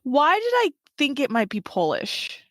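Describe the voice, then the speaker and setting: A woman's voice: high-pitched, wildly swooping pitch, unhurried, no room sound. An American woman hosting a podcast in a casual, bubbly interview chat, laughing often and acting out the voices she quotes. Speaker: podcast host.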